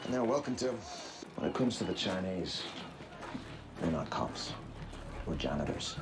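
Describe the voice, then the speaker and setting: An actor playing a cynical, gruff police officer, in TV drama dialogue. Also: male voice, deep voice, big pitch swings, measured pace, background noise.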